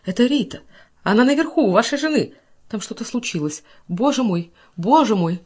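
A woman's voice: on the high side, lively intonation, normal speed, slightly rough. A woman voicing a frightened, trembling man crying out in panic in an audiobook. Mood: panicked. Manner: frightened, exclaiming.

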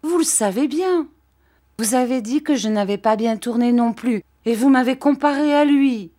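A woman voicing a childish, petulant young wife who whines in a high, sobbing voice in an audiobook reading. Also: normal speed, mellow, lightly acted.

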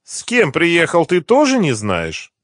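A man voicing a cruel, mocking male gang boss who bullies and interrogates, raised well above his own deep voice. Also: huge pitch swings, measured pace, fairly bright tone, dry recording, clean studio sound, exaggerated voice. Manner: sneering, bullying interrogation.

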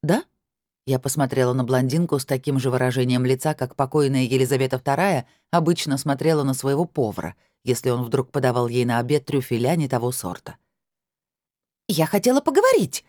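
A calm, measured audiobook reader tells a first-person story with dry irony. The voice is mellow and dark, sits at a middle pitch, and is recorded close and dry. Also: no echo. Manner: calm, measured, dryly ironic.

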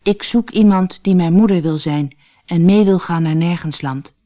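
A woman's voice: fairly low pitch, moderate pace, dark tone, natural voice. A woman reading a storybook aloud, voicing a brave and cheeky young boy hero who calls out boldly. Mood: pleading.

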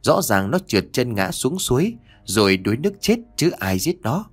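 A male narrator voicing an older father who is grieving, shaken and gruff, speaking in a scolding way. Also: medium pitch, big pitch swings, normal speed.

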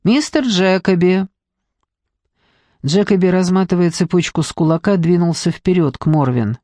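A man narrating an audiobook in an even, measured storytelling manner. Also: sits high, no echo.

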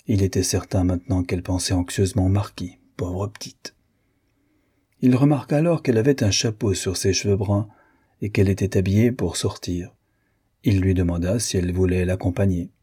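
A man narrating a classic novel in a measured storytelling manner. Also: deep voice, warm tone, breathy edge. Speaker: audiobook narrator. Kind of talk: scripted narration.

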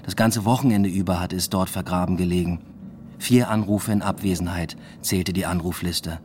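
As narrator and lead character of a radio drama, a man plays a reserved young man telling of a fresh love affair in a matter-of-fact, understated, reflective way. His natural, low-pitched voice is steady and a little mellow at normal speed, with a little hiss or hum in the recording.

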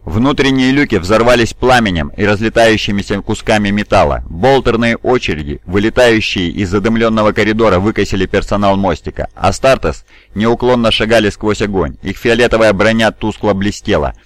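A man narrating an audiobook in a steady reading voice. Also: fairly low pitch, a little fast, no echo. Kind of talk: scripted narration.

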